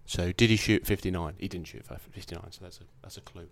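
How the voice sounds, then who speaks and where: A man's voice: low-pitched, fast, gravelly. A man with an Essex accent, chatting casually and jokily as he hosts a podcast quiz. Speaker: quiz host.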